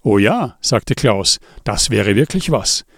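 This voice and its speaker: A man's voice: fairly low pitch, very animated, slow, vocal fry, a bit bright, no room sound, studio quality, exaggerated voice. A man reading an audiobook, voicing an easygoing, somewhat hesitant adult man. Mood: mild.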